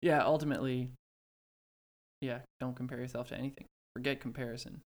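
A man's voice: mid-range voice, steady tone, brisk. A man in his early twenties co-hosting a casual podcast, musing aloud with hesitant, self-correcting phrasing. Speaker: podcast co-host. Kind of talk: casual chat.

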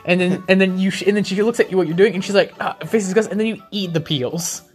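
A man's voice: high voice, quick pace. A young man co-hosting a let's play, rambling through silly jokes and giggling often. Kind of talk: casual gaming chat. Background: video game music.

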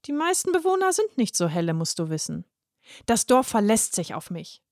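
A woman reading a storybook, voicing a small, touchy male night watchman in a high, strained, defensive voice. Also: sing-song, moderate pace, a little mellow, no room sound, studio quality.

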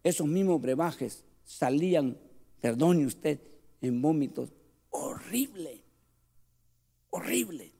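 A man preaching a sermon with passion, shouting at the peaks and dropping to quiet storytelling, often calling the listeners "brother". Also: on the high side, takes it slowly, gravelly, long reverb tail. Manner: addresses listeners as "hermano" often. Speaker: pastor.

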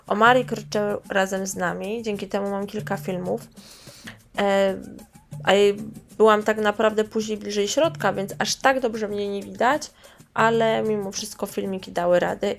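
A woman's voice: medium pitch, steady tone, moderate pace, gravelly. A woman reading her own memoir aloud in a chatty way, with sarcastic asides. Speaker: storyteller.

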